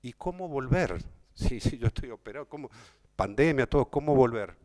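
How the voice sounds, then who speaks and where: A man's voice: medium pitch, animated, moderate pace, a little mellow. A man with an Argentine accent telling a personal story to an audience, emotional and conversational, often repeating words and turning to his listeners. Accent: Argentine Spanish. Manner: addresses listeners directly. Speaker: speaker at a talk.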